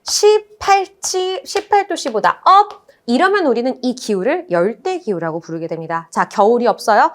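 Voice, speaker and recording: A woman teaches her class in an animated lecture style. Her voice sits high and jumps all over the place as she tells stories and puts on playful voices to make the points stick. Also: moderate pace, hardly any pauses. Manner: lively storytelling, acts out playful voices.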